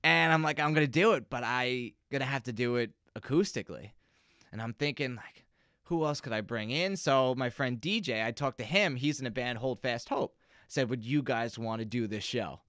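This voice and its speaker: Young man, musician guest, bright voice, very clear tone, casual storytelling, acts out quotes, close mic. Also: medium pitch, normal speed, no echo. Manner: chatty, acts out quoted voices in his stories. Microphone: close podcast microphone.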